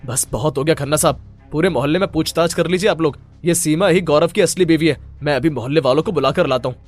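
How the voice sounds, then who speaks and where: A man voicing an outspoken young friend in an animated story, speaking loudly and indignantly. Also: fairly high pitch, fast talker, faint music behind, close to an everyday voice. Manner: loud, indignant.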